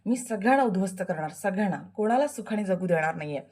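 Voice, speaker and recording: A woman's voice: mid-range voice, expressive, quick pace, darkish tone, natural voice. A woman voicing a scheming male villain in a television serial recap, reading his lines coldly and spitefully. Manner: cold and spiteful. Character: scheming villainous man bent on revenge.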